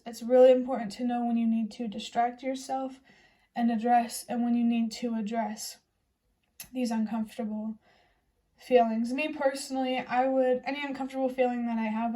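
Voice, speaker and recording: A young tarot reader talks casually to the camera as she works through a reading, gentle and reassuring. Her slightly high voice has a mellow, dark tone, and she keeps an even, level delivery.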